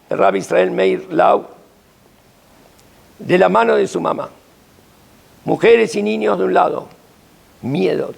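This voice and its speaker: An older man, a rabbi, preaching a sermon with dramatic, emphatic storytelling and sudden swings in pitch. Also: creaky, husky.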